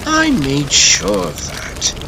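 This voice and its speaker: A man voicing a gleefully sadistic, unhinged clown supervillain in a comic dub, theatrical and taunting, lurching between hushed and shrieking. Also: fairly high pitch, huge pitch swings, slow, noisy background, voice pushed up, full character voice. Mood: mock sympathy.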